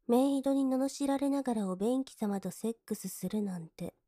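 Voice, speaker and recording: A young woman plays a maid in an adult audio drama, politely contemptuous, mocking and cold, occasionally sinking into a sneering whisper with a mood of disgust. Her fairly high voice, close to how she'd normally talk, moves at a moderate pace on a dry studio recording.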